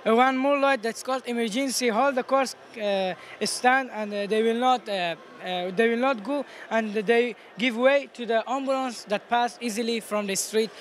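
A teenage Afghan student in a competition explains his project in an interview, speaking halting non-native English in a very high-pitched, slightly bright voice. He's at a busy indoor exhibition booth, recorded on the interviewer's handheld mic against a noisy event hall.

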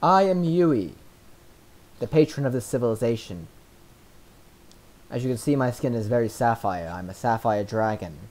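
A man voicing a young male sapphire dragon, booming and halting with ums. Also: expressive, a little mellow, natural voice. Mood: grandiose.

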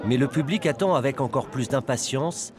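This is documentary voice-over read from a script by a medium-pitched man at a moderate pace. A noisy crowd from the location sound is faintly audible underneath.

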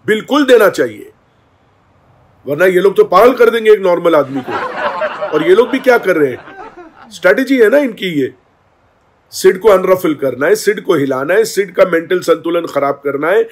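Brief: male vlog commentator, chatty and opinionated, somewhat high voice. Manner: animated, gossipy, opinionated. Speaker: host.

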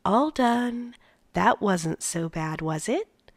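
A woman voicing a gentle male nurturer father who coos at newborns in a cheerful baby-talk voice. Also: mid-range voice, sing-song, slow pace, dry recording, studio quality. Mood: cooing.

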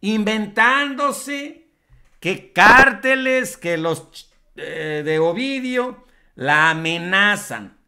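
A man's voice: high-pitched, expressive, very slow, pushed and bright. A man with a Mexican accent giving scornful, emphatic political commentary for a vlog, drawing out his words.

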